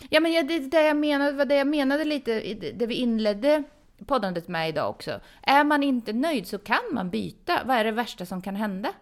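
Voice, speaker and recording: A woman co-hosting a podcast, chatting casually and reading out a listener's message with lively warmth. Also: fairly high pitch. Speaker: podcast co-host. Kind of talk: casual chat.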